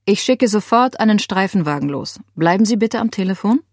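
A woman voicing a calm, businesslike emergency dispatcher who speaks in a measured, formal way. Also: medium pitch, no echo, studio quality.

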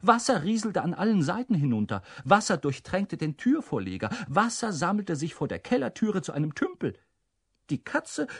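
A man reading a children's story aloud in a playful, animated way. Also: high voice, slightly rough, no room sound, clean studio sound. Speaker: narrator.

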